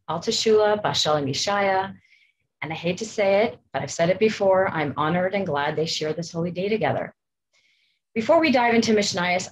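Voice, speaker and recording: A woman's voice: fairly low pitch, a little hiss or hum, rough recording. A middle-aged woman giving a heartfelt memorial talk and a Mishnah lesson, reflective and personal, explaining Hebrew terms as she goes. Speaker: Torah study teacher at a memorial.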